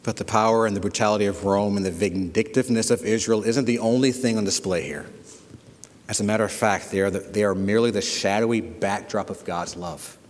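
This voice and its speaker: A man's voice: fairly low pitch, fairly quick, big-room sound. A man preaching a sermon as pastor, asking rhetorical questions and leaning hard on key words. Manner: preaching with rhetorical questions and sudden loud emphasis.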